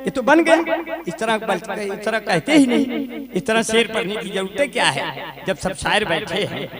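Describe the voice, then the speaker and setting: High-voiced comic poet before a crowd. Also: male voice, lively intonation. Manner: jokes with the audience, breaks into drawn-out sung couplets. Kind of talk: live stage comedy and sung verse. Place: outdoor stage at a poetry gathering. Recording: live stage mic with loud crowd. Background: audience laughter and applause.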